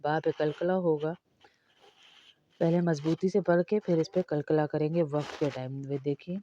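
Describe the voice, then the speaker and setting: A woman teaching Quran recitation word by word, drawing out each word slowly and then explaining quickly. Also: low-pitched, steady tone, warm tone, lo-fi sound, a little hiss or hum. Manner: slow drawn-out recitation alternating with rapid explanations.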